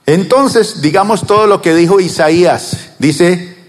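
A male pastor preaching to his congregation, asking them questions and answering them, slowing down on some words and rushing through asides. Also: high voice, long reverb tail. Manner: swings between slow drawn-out words and fast asides. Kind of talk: sermon. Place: church.

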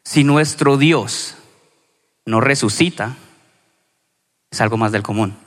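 A man with a Colombian accent from Cali, a pastor giving a sermon in a conversational, storytelling way with lively asides. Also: mid-range voice, slow pace. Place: church hall. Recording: reverberant church hall.

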